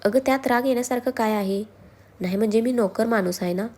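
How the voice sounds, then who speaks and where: A woman's voice: on the high side, fast talker, warm tone, close to an everyday voice. A woman voicing a simple, timid woman house servant who speaks plainly.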